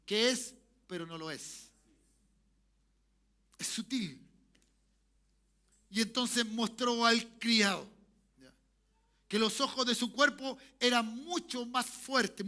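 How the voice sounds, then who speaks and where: High bright pastor preaching. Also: male voice. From Chile. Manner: swings from soft to shouting, calls for amen. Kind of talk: sermon. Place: church sanctuary.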